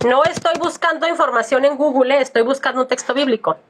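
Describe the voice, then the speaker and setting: Firm high-voiced woman debating. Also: fast talker, background noise. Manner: firm, addresses opponent directly, teasing. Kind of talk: heated online debate.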